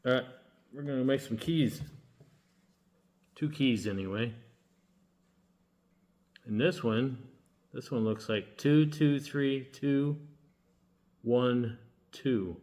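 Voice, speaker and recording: A man who works as a locksmith, giving a casual hands-on demonstration and thinking aloud in a relaxed, halting way while he works. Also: medium pitch. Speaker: locksmith demonstrating key making.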